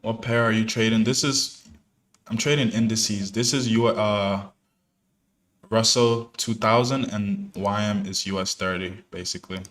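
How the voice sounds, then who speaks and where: Born in New Jersey with Ghanaian parents, this young man day trades on a live stream, offering easygoing, slangy commentary with many fillers. The voice is lowish and a bit bright, steady in tone and measured in pace.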